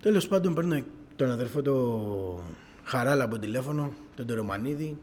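Slight background noise accompanies a middle-aged man with a mid-range voice as he gives his personal testimony at a church gathering. He's an animated storyteller, repeatedly quoting dialogue as the story unfolds.

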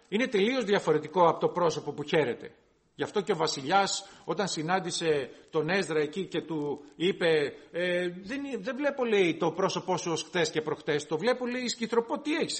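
A man's voice: high voice, a bit bright. A man preaching a sermon, earnest and exhorting, repeating his points to the congregation.

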